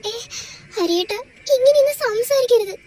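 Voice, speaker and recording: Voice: extremely high pitch, animated, fairly quick, no echo. A performer voicing a bewildered young wife in a home-made doll drama, pleading in confusion and close to tears. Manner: pleading, confused, rising to tearful.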